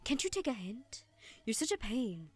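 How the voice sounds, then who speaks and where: A possessive yandere girl with a light, sing-song voice and a lively, rising-and-falling delivery, as a woman voices her for a video game. Her sweetness carries a menacing edge. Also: on the high side, moderate pace, husky. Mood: mocking.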